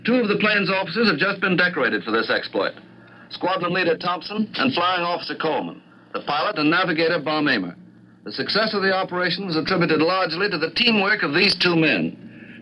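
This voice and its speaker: A man's voice: high-pitched, animated, brisk, sharp tone. A man speaking as a formal, grave announcer and interviewer in a 1940s wartime radio broadcast. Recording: noisy, muffled 1940s radio recording.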